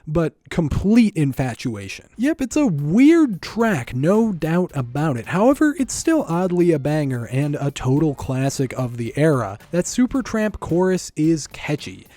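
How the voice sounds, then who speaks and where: Man reviewing albums, lively mellow voice. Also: a little high, unhurried, hardly any pauses, no echo. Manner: wry, opinionated commentary. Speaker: music reviewer. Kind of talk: scripted video review narration.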